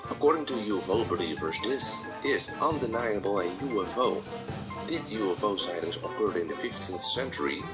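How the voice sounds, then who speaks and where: A man giving scripted documentary narration in a measured way, with small slips in his English grammar. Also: lowish voice, expressive. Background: music.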